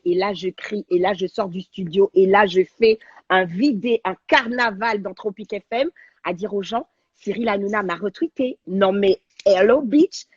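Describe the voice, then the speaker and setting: A woman, a guest on a talk show, telling a personal story in an animated, slangy, dramatic way over a video call. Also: medium pitch, breathy edge, dry recording, highs cut off. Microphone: video call on a livestream.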